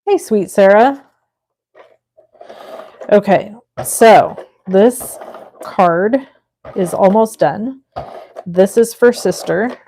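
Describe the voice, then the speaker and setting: A woman's voice: mid-range voice, drawn-out words, long pauses, mellow. A woman in her forties hosting a live crafting stream, chatting casually with viewers and thinking aloud as she works. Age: 40s. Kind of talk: casual chat while crafting.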